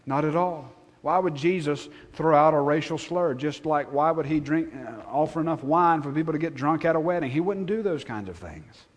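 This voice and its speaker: Dynamic preacher in a reverberant hall. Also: male voice, fairly high pitch, expressive, moderate pace, hardly any pauses. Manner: dynamic, swings from hushed to loud and emphatic. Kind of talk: sermon.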